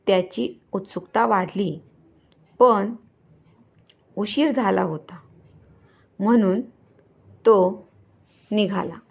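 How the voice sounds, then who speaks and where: Woman storyteller, mystery reading, very slow, gravelly, deliberate. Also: mid-range voice. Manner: measured, deliberate narration.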